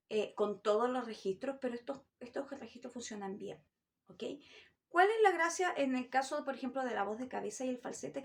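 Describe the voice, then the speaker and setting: A woman's voice: on the high side, a little hiss or hum. A middle-aged woman, teaching a vocal technique lesson and demonstrating sounds as she explains. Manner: demonstrative, with sung vowel and animal-sound examples. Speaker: voice coach.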